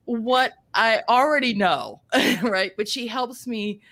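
Upbeat woman host with a bright, tense voice; chatty interviewer who laughs a lot. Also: on the high side, lively intonation, slow. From Ohio, USA. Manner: enthusiastic, laughs often. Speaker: podcast host.

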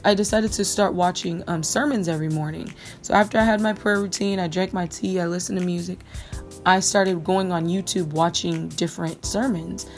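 A young woman hosting a personal faith podcast, telling her own story in a candid, animated way. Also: fairly low pitch. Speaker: podcast host.

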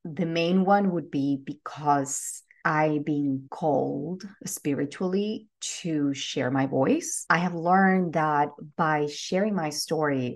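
This is a woman with a notably low voice, speaking solo on her podcast. She talks earnestly and from the heart. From Venezuela. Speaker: podcast host. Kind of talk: personal storytelling monologue.

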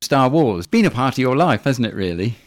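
A man's voice: medium pitch, sing-song, fairly quick. A man with a southern English Isle of Wight accent, interviewing guests chattily as a radio host. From Isle of Wight, England.

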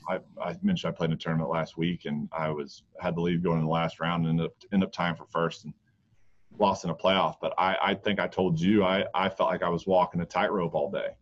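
A man in his thirties, a golf coach co-hosting a podcast, talks casually in a low, flat voice at a fairly quick clip. He rambles, restarting often and filling gaps with fillers. The podcast audio is dull and lo-fi.

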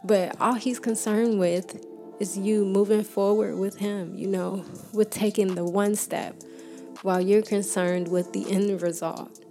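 A woman's voice: mid-range voice, steady tone, unhurried, mellow. A young woman giving a casual, heartfelt faith talk, speaking informally and often saying "like" and "you know.". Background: background music.

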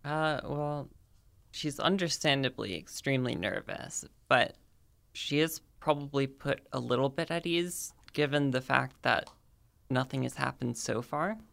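A man's voice: medium pitch, a little slow, vocal fry, a bit bright. A man chatting casually as a tabletop player, thinking aloud in a hedging way. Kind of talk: casual tabletop game chat.

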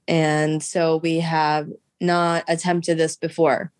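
A woman's voice: low voice, little pitch movement, slow, darkish tone, no echo, clean studio sound. A woman with a congested, stuffed-up nose from allergies, co-hosting a casual podcast from home. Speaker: podcast co-host. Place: at home on a couch, recorded over a video call.

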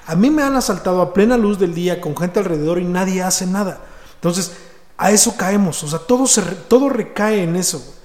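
A man with a Mexico City accent tells a story in loose, street-slang talk, full of swearing, repeated words and restarts. His voice sits a little high for a man. The room echoes, with a long reverb tail. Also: lively intonation, fairly quick, darkish tone. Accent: Mexico City Spanish. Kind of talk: casual personal anecdote.

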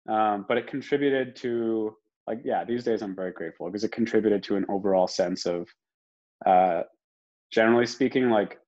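A young man from Romania guests on a podcast, telling his life story in a relaxed, rambling way. His voice sits fairly low, he leans on fillers and throws in a curse now and then, and the recording comes through muffled and lo-fi. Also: moderate pace. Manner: relaxed, frequent fillers, occasional swearing. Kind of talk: casual conversational storytelling. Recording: dull lo-fi sound.

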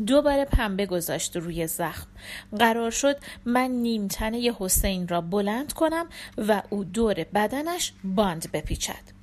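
A woman narrating a novel as an audiobook in a steady, measured reading. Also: mid-range voice.

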